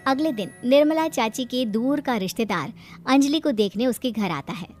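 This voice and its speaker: High-voiced woman narrating a story. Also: expressive, normal speed, darkish tone, faint music behind.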